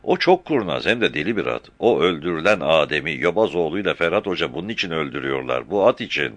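A man's voice: a bass voice, very animated, quick pace, a bit bright, no echo, full character voice. Brief: humble, respectful sergeant, voiced by a male narrator, storybook reading, dry close sound. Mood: deferential. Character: deferential male army sergeant.

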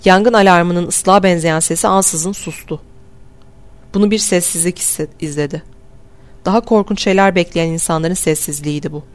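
A woman reading a novel aloud as a steady, measured audiobook narration. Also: on the low side. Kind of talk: scripted narration.

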